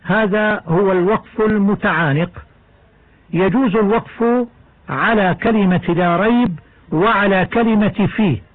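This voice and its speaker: A man teaching the rules of Quran recitation in a measured, explanatory radio lesson. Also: sits high, no room sound. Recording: tinny old radio broadcast.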